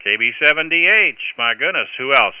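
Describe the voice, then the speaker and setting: A man's voice: medium pitch, expressive, moderate pace, dull audio, very noisy. A man working as an amateur radio net controller, speaking in courteous, procedural marine radio style with phonetic call signs.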